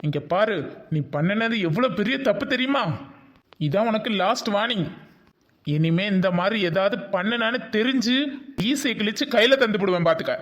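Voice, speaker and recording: A man's voice: high-pitched, animated, normal speed, a bit bright. A man playing a stern scolding schoolteacher with a Tirunelveli Tamil accent. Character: stern male schoolteacher, strict. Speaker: teacher. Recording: dull lo-fi sound.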